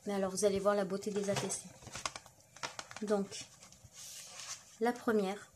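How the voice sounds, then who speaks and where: A woman's voice: mid-range voice, little pitch movement, measured pace, background noise. A middle-aged woman chatting casually on her crafting vlog, full of fillers and admiring remarks as she shows mail she received. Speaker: crafting YouTuber. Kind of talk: casual show-and-tell vlog.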